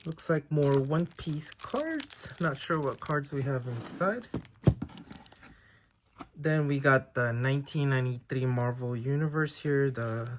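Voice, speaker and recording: This collector, a native Tagalog speaker with a medium-pitched voice, gives a relaxed show-and-tell of his trading card haul while often sounding unsure of the details, over slight hiss or hum.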